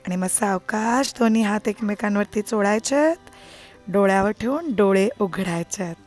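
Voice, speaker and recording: A woman teaching prenatal yoga and breathing, speaking calmly and slowly, sometimes nearly whispering. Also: medium pitch, faint music behind. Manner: calm, slow, soothing, at times near a whisper. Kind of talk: guided breathing and yoga instruction.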